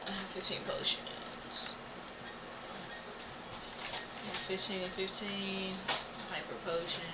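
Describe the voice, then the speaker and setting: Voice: medium pitch, little pitch movement, slow, very noisy. An American game streamer thinking aloud in casual, playful commentary while playing. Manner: playful, hums filler tunes, reads game text aloud. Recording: game music behind the voice. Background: video game music.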